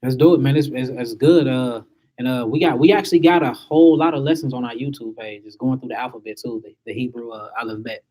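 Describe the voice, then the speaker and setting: A man's voice: medium pitch, fairly even intonation, fast talker, warm tone. A man giving an emphatic spiritual lecture to a small group, asking his listeners rhetorical questions.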